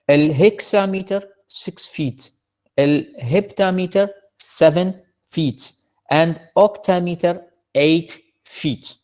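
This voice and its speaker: A man with an Iraqi Arabic accent giving an online university lecture, switching between Arabic and English, slowing down for definitions and often hesitating over words. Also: high-pitched, a little mellow. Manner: mixes Arabic and English, slow deliberate English definitions, frequent hesitations. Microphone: computer mic in an online class.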